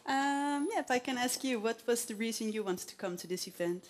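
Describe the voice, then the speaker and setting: A woman's voice: fairly high pitch, lively intonation, a little fast, slight background noise. Chatty woman moderator in a lecture hall. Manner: chatty, with many fillers and small laughs. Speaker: event moderator. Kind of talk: live lecture introduction with audience questions.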